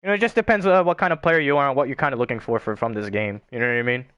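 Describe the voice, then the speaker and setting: A man's voice: mid-range voice, racing, a bit bright, clear, resonant tone, no echo, lo-fi sound. A young man chatting casually on a gaming stream, rambling and swearing with lots of filler words.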